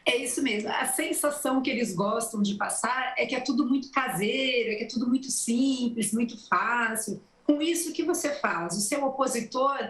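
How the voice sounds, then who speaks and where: A woman's voice: on the high side, normal speed, hardly any pauses. Brazilian woman explaining in a roomy studio. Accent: São Paulo interior Brazilian Portuguese. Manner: explanatory, steady, many "né" tags. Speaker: journalist and election marketing consultant. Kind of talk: TV studio interview answers.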